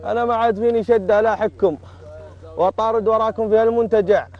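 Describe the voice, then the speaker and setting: A man acts out an elderly Bedouin grandfather with a high-pitched voice and a Saudi Bedouin Arabic accent. He talks fast, grumbling, teasing and bossing his young ones around in improvised comedy outdoors. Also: fairly even intonation, muffled recording. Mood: bossy. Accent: Bedouin Gulf Arabic, Saudi. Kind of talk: improvised comic role-play. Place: outdoor garden seating area.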